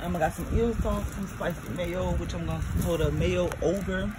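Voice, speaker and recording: Speaking at normal speed with a lowish voice and fairly even intonation, a young vlogger from Florida, US, talks casually about her food and her day. She's chatty and speaks straight to viewers as "y'all," filming on a phone camera at arm's length, with noisy audio.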